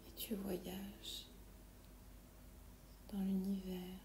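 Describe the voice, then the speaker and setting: A woman leads a guided meditation in a hushed, breathy whisper that sits right in the ear. She is unhurried and calming, with a mellow, dark tone. The recording has a roomy echo around her. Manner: slow, calming, soothing instructions. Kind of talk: guided meditation, soft whispered ASMR-like delivery. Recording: roomy echo, low background rumble noise.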